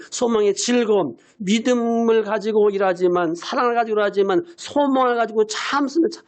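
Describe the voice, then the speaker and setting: A very high voice belongs to this man in his eighties, who serves as senior pastor and is giving a sermon. He leans on repetition of his main phrases and occasionally breaks out shouting.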